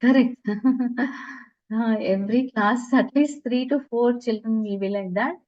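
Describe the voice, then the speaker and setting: A woman's voice: fairly high pitch, a little slow. Woman trainer on lo-fi video call. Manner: earnest, advice-giving, many hesitations. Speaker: teacher trainer answering questions. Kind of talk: online webinar Q&A. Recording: lo-fi online call audio.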